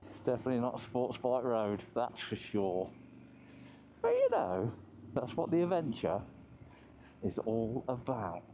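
A man narrates his own motorbike ride in a laid-back, drawn-out way, laughing often and cursing casually. His voice sits at an ordinary pitch. It comes through a helmet mic with heavy engine and wind noise. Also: wildly swooping pitch, warm tone. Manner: chatty, laughs a lot, swears casually. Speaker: motorcycle vlogger. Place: riding a motorbike outdoors on mountain roads.

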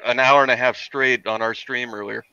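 A man hosting a live-stream show who talks in a casual, deadpan way and keeps joking. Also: medium pitch, moderate pace, lo-fi sound, crowd noise. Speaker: show host.

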